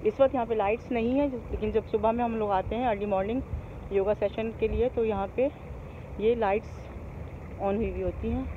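A woman's voice: medium pitch, fairly even intonation, fairly quick, narrow, tinny audio, background noise. A middle-aged woman vlogging outdoors in a park, chatty and cheerful, filming herself on a handheld phone camera and switching between English and Hindi. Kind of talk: casual vlog chat.

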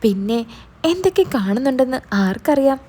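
A woman voicing an adult older sister in a spoken story, a quick-tempered schoolteacher who scolds her little brother but loves him. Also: high-pitched, very animated, warm tone, husky, exaggerated voice. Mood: scolding. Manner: scolding, exasperated, then tender.

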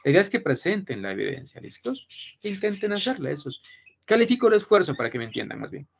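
A man's voice: high-pitched, sing-song, fast talker, vocal fry. A man, teaching an online class, reassuring his students and often checking that they follow. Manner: reassuring, repeats himself, keeps checking with "¿listo?". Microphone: video call. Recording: muffled video call audio with faint noise.

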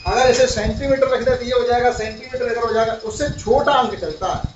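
A man's voice: very high-pitched, fairly even intonation, a little fast. A male primary school teacher giving a classroom lesson, asking his pupils questions and repeating their answers. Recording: roomy, far-off, dull, slightly noisy.

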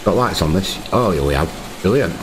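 A man's voice: low voice, lively intonation, a little fast, noisy background. A man giving casual commentary while playing a farming game, talking to himself and to his viewers. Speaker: gaming channel host.

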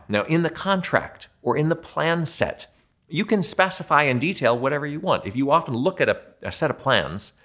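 A man in his thirties with a medium-pitched, fairly bright voice works as a building performance consultant. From an indoor studio, he explains home quality control to camera in a conversational, self-deprecating way.

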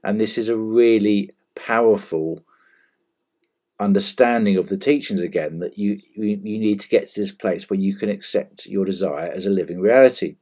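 Earnest low-voiced male teacher. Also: warm tone. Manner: measured and earnest, repeats key phrases for emphasis. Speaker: channel presenter. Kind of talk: earnest spiritual teaching commentary.

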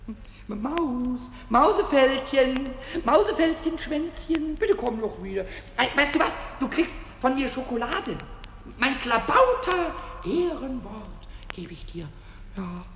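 Pumuckl, a squeaky stammering kobold. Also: male voice, expressive, takes it slowly, creaky, a bit bright, echoey room, long reverb tail, a little hiss or hum, heavily acted. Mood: coaxing. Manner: stammering, giggly, swings from whispers to squeals. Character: mischievous little male kobold, childlike and excitable. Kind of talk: vintage radio play acting.

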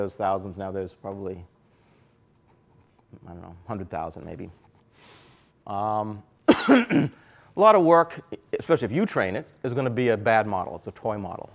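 A middle-aged man giving a keynote lecture in a lecture hall, talking in a loose, conversational way with frequent fillers. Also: medium pitch. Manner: conversational, thinks aloud with fillers. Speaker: keynote speaker. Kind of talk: academic lecture.

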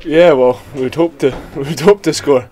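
A man's voice: fairly high pitch, normal speed, dark tone. A young man, answering post-match interview questions with many ums and restarts. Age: 20s. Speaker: footballer. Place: small indoor press area before sponsor board.

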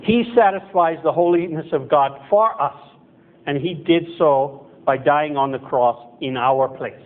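A man's voice: on the high side, a little slow. A middle-aged man preaching a conversational sermon as pastor in a chapel, correcting himself as he goes. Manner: conversational, self-correcting, acts out quoted voices. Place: church chapel hall with projector screen, indoors. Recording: tinny phone-like sound with faint noise.

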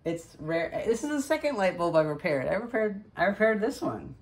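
With a sing-song, medium-pitched voice at a moderate pace, a young adult woman demonstrates old light bulbs at home. She's a hobbyist vlogger, musing casually and spontaneously in her living room, filmed on a home camera with clear background noise.

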